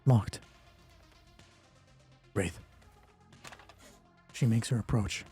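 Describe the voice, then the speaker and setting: A man speaks extremely slowly in a lowish, mellow voice. Hosting a solo roleplay game as game master, he trades terse, hushed scripted narration for casual remarks on play, thinking aloud and swearing, with music in the background.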